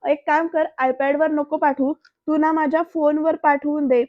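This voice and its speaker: A woman voicing a calm, authoritative wealthy male boss who speaks briefly, on a dull, dry recording. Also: high voice, measured pace, dry recording. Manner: brief, commanding.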